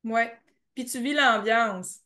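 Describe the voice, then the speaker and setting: A woman's voice: a little high, slow. A young adult woman with a Québécois French accent, telling race stories as a podcast guest, laughing often. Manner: animated storytelling, laughs often, many fillers. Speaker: podcast guest, ultra trail runner. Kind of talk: casual interview chat.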